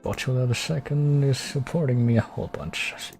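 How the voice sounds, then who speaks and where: A man's voice: medium pitch, fairly quick, darkish tone. A man streaming live, chatting casually between karaoke songs in mumbling, self-deprecating asides over faint music.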